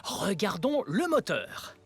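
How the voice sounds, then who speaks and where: An excitable, wide-eyed, cheerful children's show presenter, a playful adult with a medium-pitched voice, teaches young children with hugely animated intonation at a very unhurried pace. Sounding excited, she is playful and exclamatory, full of exaggerated wonder, simple explanations, and frequent giggles and gasps. Music plays behind the voice.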